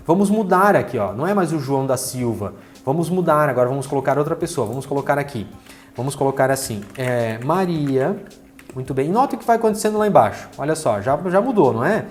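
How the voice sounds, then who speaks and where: A man's voice: mid-range voice, darkish tone. Chatty Brazilian man teaching spreadsheets. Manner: chatty, repeats fillers like "né" and "ó" while pointing things out. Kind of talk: screen-recorded spreadsheet tutorial. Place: small room with green backlight.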